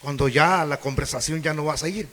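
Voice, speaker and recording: A man's voice: a little high, a little fast, fairly bright tone. A man preaching a sermon, questioning the congregation and acting out quoted voices. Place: church hall. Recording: echoey church hall.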